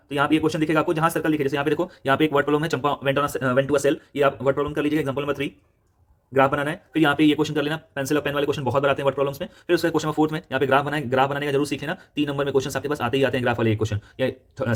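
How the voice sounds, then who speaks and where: Rapid-fire Indian maths tutor, man. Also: on the high side. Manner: brisk, directive, repeats instructions, self-corrects. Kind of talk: fast textbook walkthrough lesson.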